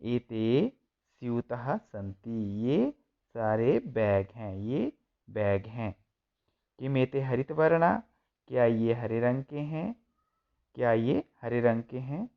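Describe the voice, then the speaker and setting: A man's voice: medium pitch, lively intonation, takes it slowly, creaky, phone-quality sound. A man teaching a school textbook lesson, reading each line and then translating and repeating it.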